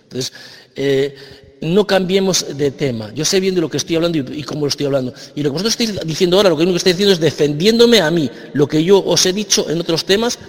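Speaking fast in a large hall, a debate participant with a Spain Spanish accent presses his case in a heated religious argument. He is insistent and keeps repeating himself. His fairly high voice has lively intonation.

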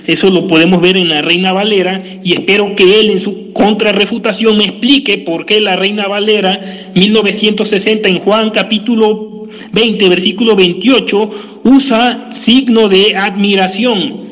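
A man with a high voice, making his case in a religious debate. He speaks hesitantly and stumbles over his words as he goes. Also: steady tone, moderate pace, a bit bright. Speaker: debate opponent.

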